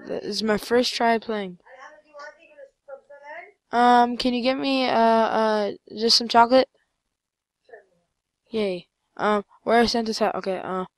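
Woman rambling thru her game, slow talker, lots of ums and yelling, dry close sound. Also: on the high side, dry recording. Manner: rambling, with many fillers and excited outbursts. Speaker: gameplay commentator. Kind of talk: casual gameplay commentary.

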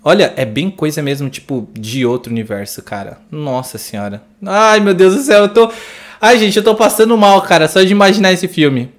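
A man's voice: sits high, expressive, moderate pace. A man with a Brazilian Portuguese accent reacting to a movie trailer, effusive and exclamatory as he gushes over each scene. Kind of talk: excited trailer reaction commentary.

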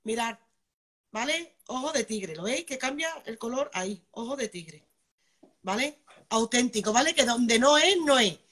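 Chatty bright-voiced woman selling live. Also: fairly high pitch, expressive, a little slow. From Spain. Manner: chatty, keeps asking "vale", greets viewers by name. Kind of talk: live-stream sales pitch.

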